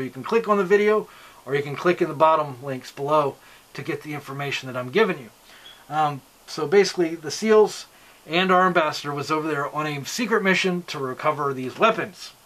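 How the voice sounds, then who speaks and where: A man's voice: a little high, fairly bright tone, rough recording. An American man giving informal political commentary straight to online viewers, insistent and explanatory, posing rhetorical questions.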